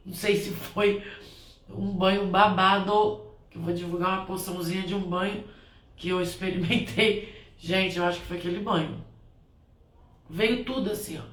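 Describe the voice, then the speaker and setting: A woman's voice: medium pitch, a bit bright. A woman who performs spiritual blessings shares a heartfelt, rambling reflection at home, restarting her sentences often. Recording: roomy, distant from the mic, faint ambient noise.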